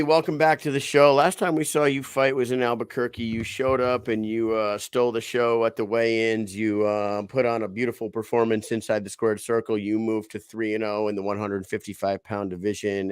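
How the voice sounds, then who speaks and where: A man's voice: on the low side, flat delivery, normal speed, few pauses, clean tone, dry recording, studio quality. A man hosting a casual podcast, swearing freely and hyping things up in street slang. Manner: profane, hype-man banter with street slang. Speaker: show host.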